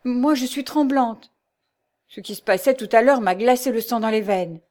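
A woman's voice: on the high side, moderate pace, a little mellow, voice pushed up, lightly acted. A woman voicing a frightened young woman. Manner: breathless, fearful, insistent. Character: anxious young woman, the devil's daughter.

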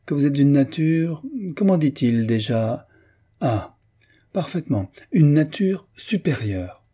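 A man's voice: a little high, unhurried, warm tone, slightly rough, voice pushed up. A male reader voicing a baroness who speaks in a pointed, half-insolent tone. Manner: pointed, haughty.

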